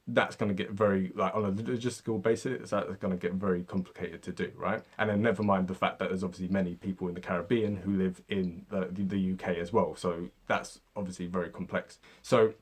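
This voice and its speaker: Man from Britain, casual history explainer, low-pitched, slightly husky, chatty with fillers. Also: fairly even intonation, a little fast, hardly any pauses. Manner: conversational, lots of fillers like "right?" and "you know". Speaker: history video host.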